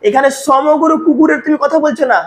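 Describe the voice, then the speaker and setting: A man's voice: very high voice, quick pace, rough recording. A man teaching English grammar to Bengali-speaking students, with a Bengali accent, explaining step by step and often checking that students follow. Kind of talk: grammar lesson.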